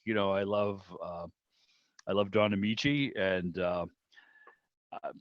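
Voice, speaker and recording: In muffled, roomy video-call audio recorded indoors, a low-voiced man takes his time, his intonation staying fairly even. He's the host of an online club meeting, rambling casually and thinking out loud in an enthusiastic chat about old radio.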